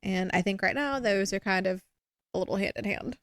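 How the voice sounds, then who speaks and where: A woman co-hosts a podcast in casual chat, rambling with plenty of fillers and poking fun at herself. Her voice is mid-range and fairly quick, and the recording is dry.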